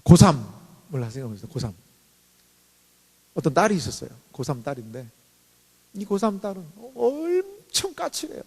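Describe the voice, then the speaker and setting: A man's voice: a little high, wildly swooping pitch, normal speed, vocal fry, pauses often, a little mellow, husky. A male pastor preaching a sermon, asking rhetorical questions and acting out little stories. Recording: long reverb in a church hall.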